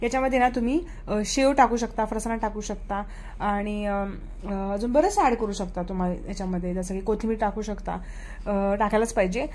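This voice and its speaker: A woman's voice: mid-range voice, fairly quick, a little mellow. A woman from Pune vlogging casually in her home kitchen, chatting with many fillers and coaxing her pet. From Pune, India. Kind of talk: casual home vlog, cooking and pet chat.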